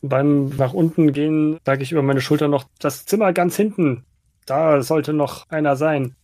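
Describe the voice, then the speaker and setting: A man with a gravelly, mid-pitched voice plays a tabletop game. He improvises casually and haltingly, recorded dry and close. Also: darkish tone, dry recording. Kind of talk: casual, improvised role-play talk.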